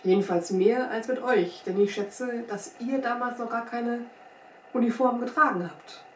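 A woman's voice: a little high, normal speed, natural voice. A sly little old scout of the frontier, folksy and wry, sure of himself, as a woman puts him on. He is heard from some way off in a roomy space. A faint hiss sits under the voice. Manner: folksy, drawling, wry, self-assured. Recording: roomy sound from a distant mic, faint hiss.

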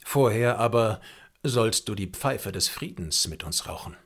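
A man's voice: fairly low pitch, expressive, unhurried, breathy edge, full character voice. Old Shatterhand, a man doing a commanding frontier hunter. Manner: commanding, firm, decisive. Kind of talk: audiobook character reading.

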